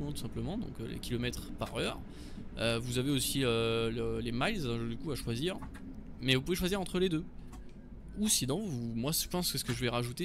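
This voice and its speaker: Over slight background noise, a man with a mid-range voice runs a laid-back let's-play session as a gaming video host. His talk is chatty and full of jokes, and he leans on fillers while frequently correcting himself.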